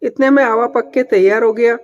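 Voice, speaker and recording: A woman narrating a devotional folk tale in a plain, steady way. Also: a little high, normal speed. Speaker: storyteller. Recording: dull lo-fi sound with long reverb.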